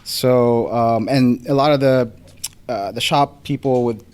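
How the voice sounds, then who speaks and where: A man's voice: mid-range voice, unhurried, darkish tone, clear, resonant tone. A man who grew up in Los Angeles, a guest photographer talking casually, with many ums and restarts. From Philippines, grew up in Los Angeles. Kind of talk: casual interview chat. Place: live podcast recording before a small audience.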